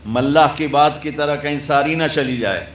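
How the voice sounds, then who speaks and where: گونجتے hall میں ڈرامائی واعظ. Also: male voice, a little high, slight background noise. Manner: dramatic storytelling, breaks into slow Arabic recitation. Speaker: preacher. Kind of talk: sermon. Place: hall with loudspeaker. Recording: echoey hall through loudspeaker.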